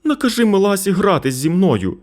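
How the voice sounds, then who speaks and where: A man's voice: high-pitched, very animated, moderate pace, darkish tone, pitched above the performer's own voice. A man voicing a capricious three-year-old boy in a children's story. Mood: whiny. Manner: capricious, pestering. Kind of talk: storybook narration.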